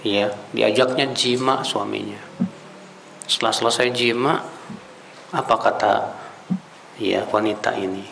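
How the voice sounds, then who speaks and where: A man's voice: fairly low pitch, steady tone, measured pace, gravelly, long pauses, fairly bright tone, slight background noise. A man giving a conversational Islamic lecture who asks the audience rhetorical questions, addresses them directly as sir and brother, and recites Arabic phrases before translating them. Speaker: Islamic preacher. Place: Islamic study gathering.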